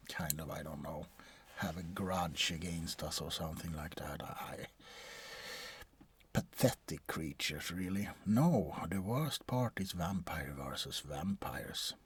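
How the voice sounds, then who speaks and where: In an ASMR roleplay, a man plays a bored, world-weary vampire doctor centuries old, his deep voice husky and breathy and often dropping to a whisper. He delivers lines deadpan and hesitantly, with slight background noise behind him.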